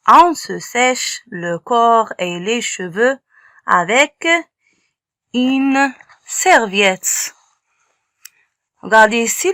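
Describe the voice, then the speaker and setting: A woman's voice: fairly high pitch, fairly bright tone, no room sound, clean studio sound. A woman teaching young children to read, sounding out letters and syllables one by one and stressing each sound. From Morocco. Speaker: primary school teacher. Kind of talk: slow phonics lesson for young children.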